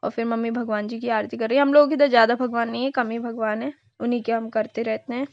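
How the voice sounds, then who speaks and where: A woman's voice: fairly high pitch, fairly even intonation, fast, no echo, highs cut off. Chatty young woman vlogger, dry sound. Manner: chatty, giggly, mixes English words in. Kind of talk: casual voice-over narration.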